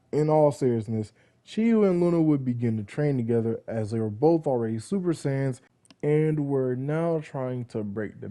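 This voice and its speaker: Young guy rambling through a fan backstory, mellow tone, jokey asides. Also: mid-range voice. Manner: rambling, self-correcting, joking asides. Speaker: fan content creator. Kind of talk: casual narration of fan backstory.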